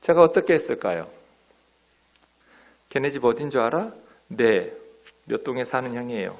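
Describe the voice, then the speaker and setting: A middle-aged male pastor preaching a sermon in a church, lively, sometimes dropping to soft near-whispers. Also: medium pitch, normal speed, creaky. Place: church sanctuary.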